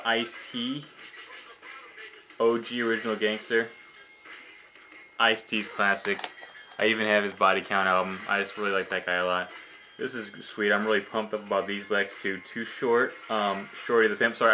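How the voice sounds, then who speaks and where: A young man hosts a video showing off his collection, chatting casually and enthusiastically with plenty of slang and swearing. The amateur recording captures a fairly low, bright, forceful voice with a little hiss or hum.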